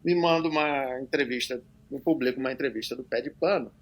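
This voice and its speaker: A man's voice: mid-range voice, brisk. A middle-aged man guest on a podcast, telling loose, profane anecdotes in casual chat.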